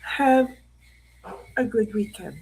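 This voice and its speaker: A middle-aged woman with a Filipino accent, hosting an emotional live stream and often clearing her throat. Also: fairly high pitch, expressive, slow, a little mellow, poor audio. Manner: tearful, often clearing her throat, mixing in Tagalog phrases. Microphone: live stream mic.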